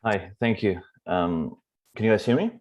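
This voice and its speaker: A man's voice: on the low side, normal speed, slight background noise. A man from Russia, a film director, introducing himself casually with fillers over a video call. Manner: relaxed, with fillers. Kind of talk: online panel self-introduction. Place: home at night.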